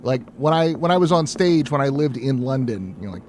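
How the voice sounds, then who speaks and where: Brief: male streamer, mid-pitched, chatty, profane, faint background hiss. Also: expressive, brisk, darkish tone. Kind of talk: casual gameplay commentary.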